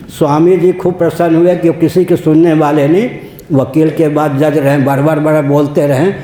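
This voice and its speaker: A man's voice: fairly high pitch, level tone, a little slow, mellow. Older man teaching in an echoey hall. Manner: anecdotal, teasing, laughs while explaining. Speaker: spiritual teacher. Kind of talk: religious discourse.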